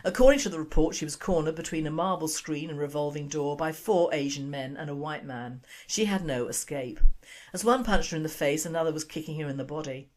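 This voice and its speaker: Somber female news narrator, low pitch, measured scripted delivery. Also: darkish tone.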